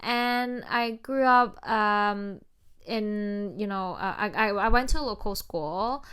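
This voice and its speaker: A woman's voice: medium pitch, slow pace, fairly bright tone, smooth. A young woman from Hong Kong in her twenties, co-hosting a casual podcast chat, giggly and hesitant with frequent fillers. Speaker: podcast co-host.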